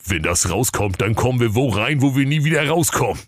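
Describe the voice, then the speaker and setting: A man's voice: deep voice, a bit bright, no room sound, studio quality. A man voicing a dim, clumsy bear who stumbles over his words, in a comic storybook reading. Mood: bumbling. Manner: slow, bumbling, hesitant with many ums.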